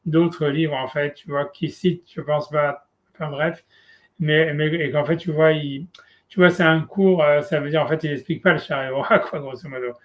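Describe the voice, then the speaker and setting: Guy rabbi giving a chill torah class, lots of "tu vois" and ums, drops hebrew words in, voice a bit on the high side. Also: steady tone, moderate pace. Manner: casual, hesitant, many fillers and "tu vois"; mixes Hebrew terms into French. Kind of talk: informal one-on-one Torah lesson.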